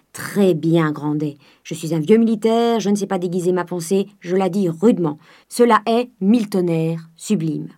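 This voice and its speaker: A woman's voice: lowish voice, mellow, lightly acted. A woman voicing a blustering male banker and former soldier. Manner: bluff, emphatic.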